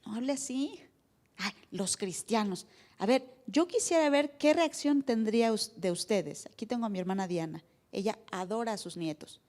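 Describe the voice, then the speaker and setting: Mexican woman pastor, high-pitched, playful sermon delivery, throws questions at the congregation. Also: darkish tone. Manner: playful, asks the congregation questions, acts out little dialogues. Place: church service before a congregation.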